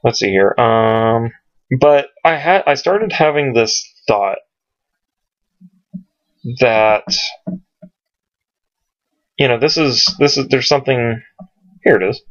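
A man teaching from scripture at home in a casual, rambling way, searching his computer aloud with many pauses and ums. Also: mid-range voice, animated. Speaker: Bible teacher. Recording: dull lo-fi home recording.

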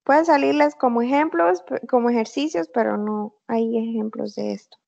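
A woman tutors an online English class, walking through examples in a slow, patient way. Her voice sits fairly high but carries a gravelly fry. The call audio sounds dull and lo-fi. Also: a little mellow. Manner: patient, slow explaining with fillers.

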